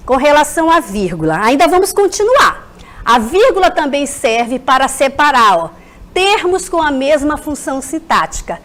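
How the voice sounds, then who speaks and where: A Brazilian woman teacher giving a televised school lesson, speaking to the children in an animated way and addressing them directly. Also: high voice.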